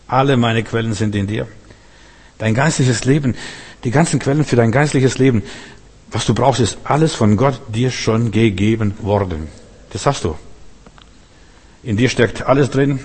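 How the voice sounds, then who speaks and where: A man's voice: mid-range voice, darkish tone, breathy edge, big-room sound. A man preaching a sermon, speaking straight to his listeners and driving points home by repeating them. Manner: addresses listeners directly, emphatic repetition.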